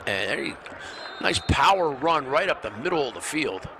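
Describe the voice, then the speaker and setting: A man doing brisk, upbeat play-by-play commentary of a live football game from a stadium booth. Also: mid-range voice, sing-song. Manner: brisk, upbeat calling of plays. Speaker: play-by-play announcer. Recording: broadcast mix with clear stadium noise.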